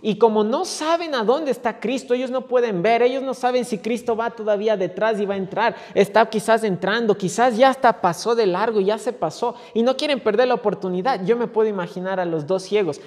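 A man's voice: sits high, a little fast, few pauses, darkish tone. A male pastor preaching a sermon, stumbling over repeated words and crying out quoted pleas. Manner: repeats words when stuck, then cries out quoted pleas. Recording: long hall reverb.

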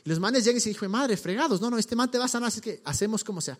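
High-pitched guy preaching, super slangy, acts out the people in the story. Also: rapid-fire. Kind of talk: casual sermon.

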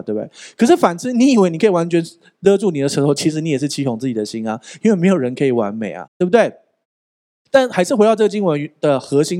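A male pastor preaching a sermon in an animated, joking way, often asking the listeners rhetorical questions. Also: on the high side.

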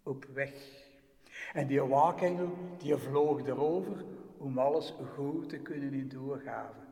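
A man telling a story, lively, with big shifts between loud and hushed. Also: medium pitch, measured pace, gravelly. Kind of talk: spoken storytelling. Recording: distant voice in echoey hall.

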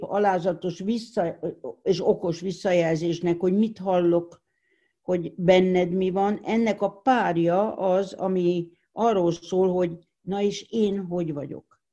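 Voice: mid-range voice, dark tone. A guest in an interview, explaining a communication method thoughtfully, with examples and restarts. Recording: dull lo-fi recording.

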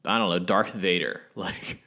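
A man's voice: low voice, measured pace, sharp tone. A man co-hosting a casual podcast, explaining things at length with lots of fillers and restarts. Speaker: podcast co-host.

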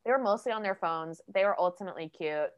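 Animated, swearing young woman storyteller. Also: lowish voice, quick pace, smooth, muffled recording. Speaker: podcast co-host. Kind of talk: casual chat.

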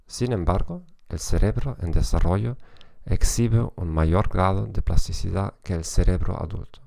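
A man with a German accent reads scripted podcast narration in a very low voice. There is plenty of gravelly creak in it. As a native German speaker, he delivers his lines carefully as a non-native host. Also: a little mellow.

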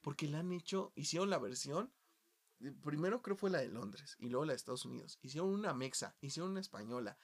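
Animated swearing Mexican man. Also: a little high, quick pace. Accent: Mexican Spanish. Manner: animated, swearing, jumps from quiet asides to loud outbursts. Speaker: podcast host. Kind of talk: casual podcast chat.

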